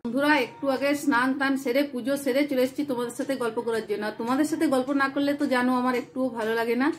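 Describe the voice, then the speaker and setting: A woman's voice: high-pitched, fairly even intonation, slight background noise. A woman vlogging in earnest, casual chat to camera from a room at home, with a cold and a sore throat. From West Bengal, India. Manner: chatty, earnest, talks fast.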